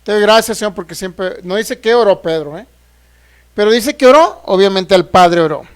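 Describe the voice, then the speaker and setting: A man's voice: high-pitched, lively intonation, moderate pace, smooth. A man, a pastor preaching a sermon who keeps asking the congregation rhetorical questions and acts out the voices he quotes. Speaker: pastor teaching a healing course.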